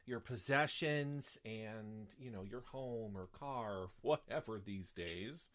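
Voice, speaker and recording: Hosting a casual live show, a man with a fairly low, slightly bright voice rambles slowly, full of fillers and restarts. He sounds sniffly and coughs a little.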